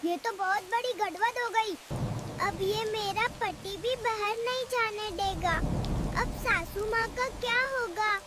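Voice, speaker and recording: A woman voicing a sharp-tongued, scheming young wife in a cartoon family drama, talking in a brash, quarrelsome way. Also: very high voice, unhurried. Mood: worried.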